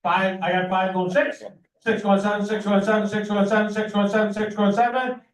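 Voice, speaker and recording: A man's voice: high-pitched, little pitch movement, fairly quick. An American man working as an auctioneer, calling bids in a rhythmic, repetitive chant of numbers. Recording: echoey room, distant microphone.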